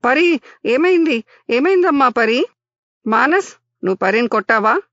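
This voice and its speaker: Woman playing a gentle grandfather, soothing children, storybook figure, muffled dry recording. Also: high-pitched, expressive, unhurried, no echo, heavily acted. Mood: worried. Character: caring grandfather, calm and reassuring.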